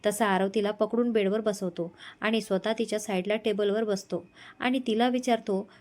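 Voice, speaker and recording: A woman storyteller narrating a romantic story in a steady, expressive reading. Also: mid-range voice, normal speed.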